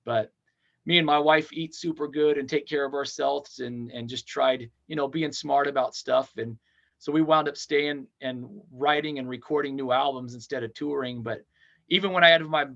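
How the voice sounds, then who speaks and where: This forty-something frontman of a touring band is a guest on a podcast, chatting casually in an upbeat, rambling way with fast, long runs of speech. His medium-pitched voice holds a steady tone, a bit bright, with vocal fry. The highs in the recording are cut off.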